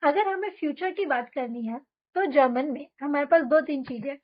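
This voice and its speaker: A woman teaching a German lesson, explaining quickly and then reading example sentences very slowly for learners to repeat. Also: sits high, animated, highs cut off. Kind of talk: spoken language lesson with drills.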